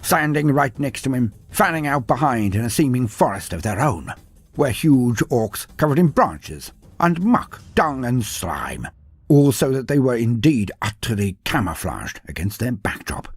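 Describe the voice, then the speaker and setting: With big pitch swings and an unhurried delivery, a man narrates fantasy lore in a theatrical, grandiose scripted style. His husky mid-range voice has clean studio sound with no room sound, and music plays beneath it.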